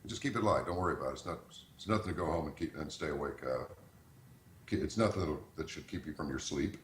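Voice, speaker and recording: A middle-aged man, a radio host, giving folksy, animated advice in conversation and acting out callers as he goes. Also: rumbling low, quick pace, echoey room, a little hiss or hum. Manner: folksy, animated storyteller who acts out callers.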